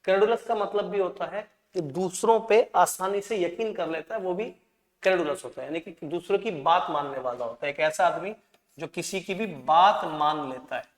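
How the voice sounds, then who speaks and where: A man's voice: high voice, moderate pace. A man with an Indian accent, teaching English for an exam, who asks his students questions and answers them himself. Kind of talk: explaining test questions. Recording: echoey room with long reverb.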